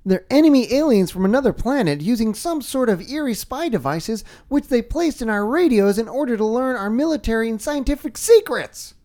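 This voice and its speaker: A man doing a corny high-voiced comic-book superhero. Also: very animated, fairly quick, few pauses, dark tone, heavily acted. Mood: heroic. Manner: corny, overdramatic line reading. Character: earnest heroic young male comic-book superhero. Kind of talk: comic read-aloud with voices.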